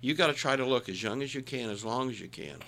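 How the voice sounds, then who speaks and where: A man in his sixties chats casually with a co-host in a folksy, self-deprecating way, leaning hard into his points. His medium-pitched voice is expressive, fast, pushed, and bright.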